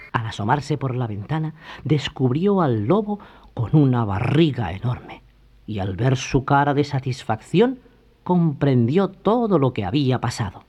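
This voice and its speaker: A storyteller reading a fairy tale aloud in an unhurried, scripted narration, in a slightly dull recording with soft music behind. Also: mid-range voice. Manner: unhurried and lively.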